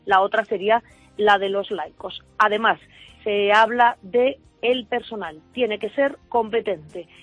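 A woman files a radio news report from the booth, her voice slightly breathy and husky. She speaks in a measured, steady reporting cadence. The close mic sounds dry, with faint music underneath. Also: mid-range voice, no room sound, rough recording. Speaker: radio correspondent.

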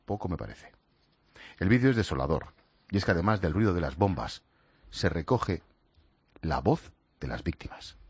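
A man's voice: deep voice, sing-song, moderate pace, pauses often, darkish tone, husky, no room sound. Man, radio host, very dry close sound, conversational. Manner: conversational, speaks straight to the listener. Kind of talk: radio show presenting.

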